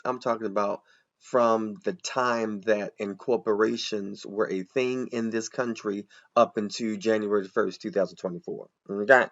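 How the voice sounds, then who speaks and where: Gravelly man chatting through a walkthrough. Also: mid-range voice, highs cut off. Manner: chatty, thinks aloud, addresses viewers as y'all. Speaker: accountant. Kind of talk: casual screen walkthrough.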